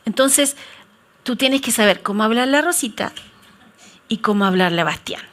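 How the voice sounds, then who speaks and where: A woman's voice: fairly high pitch, normal speed. A woman pastor with a Chilean accent, telling stories in a sermon and joking with the congregation. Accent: Chilean Spanish. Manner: lively, joking storyteller.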